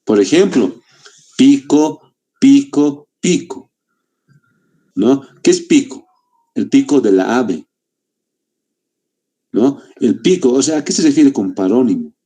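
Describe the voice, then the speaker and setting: Mellow-voiced man teaching literature. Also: medium pitch, expressive. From Bolivia. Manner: explains with rhetorical questions and frequent "¿no?"; deliberate, stretches key words slowly. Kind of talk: literature lesson for exam applicants.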